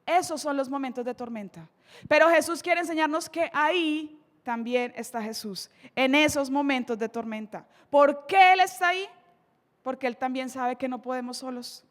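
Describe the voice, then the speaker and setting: A woman's voice: high voice, in a large hall. A woman preacher with a Colombian accent giving an emphatic sermon, dramatically retelling scripture in a church. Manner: emphatic, dramatic storytelling, slows for key lines.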